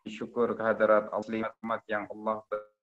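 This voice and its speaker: A man giving a slow, formal religious opening as a guest lecturer, his online call audio cutting in and out. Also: on the low side, monotone, soft background music. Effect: choppy online call audio breaking up. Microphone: computer or phone on a video call. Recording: dull lo-fi video call audio.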